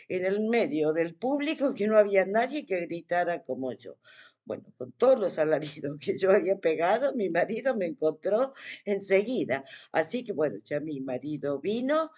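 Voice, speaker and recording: Lively, animated woman telling a story. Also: lowish voice. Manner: animated, expressive retelling with dramatic pauses. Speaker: vlogger. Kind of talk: casual personal storytelling to the viewer.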